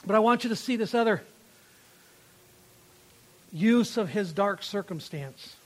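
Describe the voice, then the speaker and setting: A man preaching a sermon as pastor, emphatic, repeating phrases and swinging from loud to quiet. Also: high voice, expressive, a little slow. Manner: emphatic, repeats phrases, rises and drops in volume.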